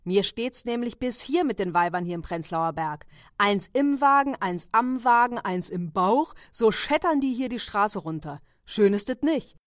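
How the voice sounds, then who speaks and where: A woman voicing a blunt, gossipy female café owner with a loud, colloquial manner. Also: mid-range voice, animated, measured pace, dry recording, clean studio sound, close to an everyday voice. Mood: grumbling.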